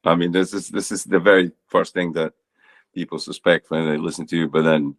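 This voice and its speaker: A man co-hosting a casual podcast, teasing his friend and giving relaxed, rambling explanations. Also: sits low, fairly quick. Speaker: podcast co-host and teacher.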